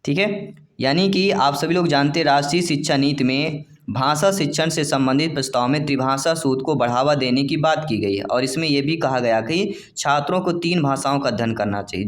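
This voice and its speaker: A man's voice: medium pitch, moderate pace, hardly any pauses. A man teaching an exam-prep lesson, reading each question aloud and then explaining it to viewers he calls his dear friends.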